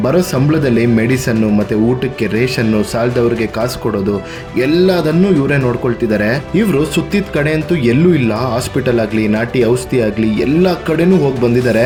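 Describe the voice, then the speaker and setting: A man's voice: medium pitch, fairly quick. Young Kannada man vlogging, music under him. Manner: coaxing, comforting, playful. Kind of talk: casual vlog narration and chat.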